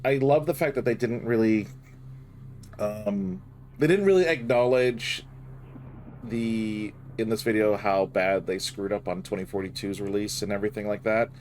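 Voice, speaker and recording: A man hosting a gaming reaction video, excitable and swearing often as he talks over the clip. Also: on the low side, normal speed, slight background noise.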